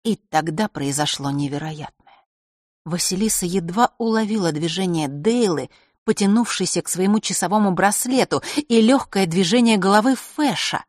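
A woman narrates a fantasy audiobook with lively, expressive reading. Her voice is close to the mic, in a dry, dead recording. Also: medium pitch, normal speed, dry recording. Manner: expressive, even storytelling.

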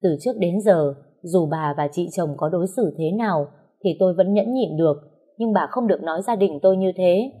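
A woman telling a first-person story in a steady, measured narration. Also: fairly low pitch, breathy edge.

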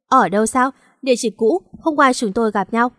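A woman voicing a mocking male kidnapper with a hoarse voice in a storybook. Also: a little high, fairly quick, a bit bright, no echo, clean studio sound, in a large hall, lightly acted. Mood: sneering. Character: man, sneering kidnapper with a hoarse voice.

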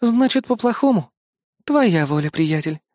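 A man's voice: sits high, animated, a little slow, a little mellow, no room sound, clean studio sound, voice pushed up. A man voicing a cheerful yet ruthless young woman in an audiobook. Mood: menacing.

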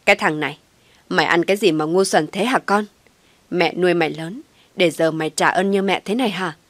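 A woman's voice: on the low side, fairly quick, no echo, lightly acted. A woman voicing a stern scolding older mother. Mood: furious scolding. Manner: shouting, scolding harshly. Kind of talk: audio story reading.

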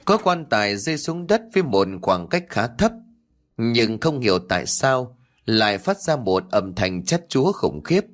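A man narrating a horror audiobook story in a steady storytelling voice. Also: mid-range voice, a little slow.

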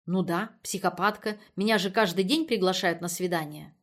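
A woman's voice: on the low side, normal speed, natural voice. A woman reading the part of an impatient, sardonic young woman in an audiobook. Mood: flustered. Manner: sardonic, irritable.

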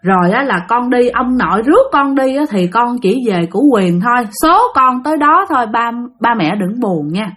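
A woman voicing a gentle, resigned young father near death, talking in a soft, soothing and repetitive way. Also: very high-pitched, animated, normal speed, few pauses, exaggerated voice.

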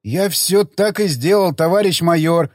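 A man's voice: on the high side, a little slow, a little mellow, dry recording, clean studio sound, pitched above the performer's own voice, natural voice. Man doing a stammering, cowering young soldier. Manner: stammering, whimpering, meek. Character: timid, hungover young male soldier. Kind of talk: audiobook character reading.

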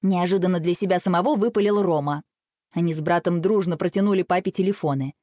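A woman narrating a children's audiobook in an expressive storytelling manner. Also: fairly low pitch, fast, dry recording, studio quality.

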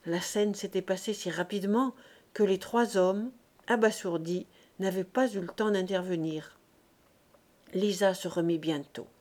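Woman audiobook reader, classic novel, measured and expressive narration. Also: medium pitch.

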